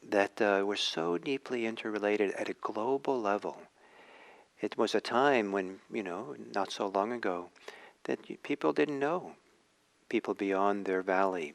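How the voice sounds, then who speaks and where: A man from Norway, giving a reflective dharma talk with many pauses and restarts. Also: lowish voice. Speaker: meditation teacher.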